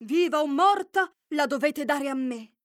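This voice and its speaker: A woman's voice: high-pitched, expressive, a little slow, dry recording, clean studio sound. A woman voicing a determined young fairy-tale prince who speaks firmly and commandingly. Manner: firm, commanding.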